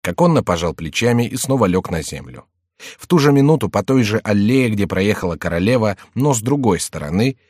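A male narrator reads a historical novel in a low, measured voice. The recording is close and dry, with no room sound at all. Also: no room sound. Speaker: audiobook narrator.

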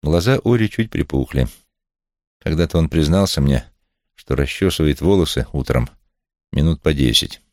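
A man's voice: rumbling low, animated, moderate pace, long pauses, no room sound, clean studio sound. A man reading a detective novel aloud as a wry first-person narrator. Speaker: audiobook reader.

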